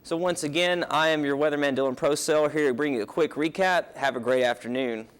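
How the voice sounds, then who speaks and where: A young man giving a weather report for a student news show, relaxed and informal. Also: a little high, fairly quick, smooth.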